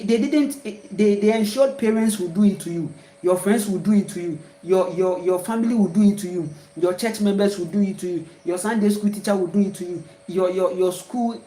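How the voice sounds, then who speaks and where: A Ghanaian woman gives a meandering spiritual monologue in a mellow, medium-pitched voice, full of repetition and emphatic outbursts. The poor audio has an echoey room sound.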